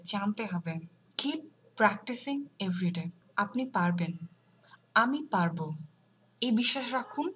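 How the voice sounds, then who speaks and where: Woman teaching beginner English slowly. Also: mid-range voice, a bit bright, a little hiss or hum, poor audio. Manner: switches between Bengali and slow careful English; slow deliberate English delivery.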